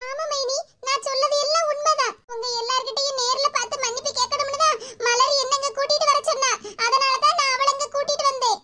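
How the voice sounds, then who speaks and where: A woman's voice: very high-pitched, steady tone, quick pace, pushed and bright, slight background noise, voice pushed up. A woman voicing a kind young married woman in a cartoon, speaking earnestly in a Kanyakumari Tamil accent. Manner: earnest, reassuring. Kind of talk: animated cartoon voice acting.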